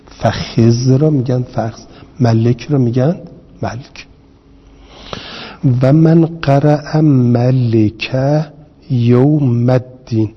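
Husky male teacher in a reverberant room. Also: medium pitch. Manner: slow, repeats each term, asks rhetorical questions. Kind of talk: classroom grammar lesson. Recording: reverberant, dull lo-fi recording.

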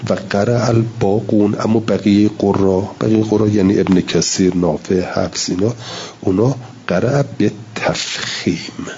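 A man's voice: on the low side, steady tone, dark tone, dull audio, slight background noise. A man lecturing a class on Quran recitation, reading Arabic lines and explaining them in casual Persian, sounding out examples and repeating himself.

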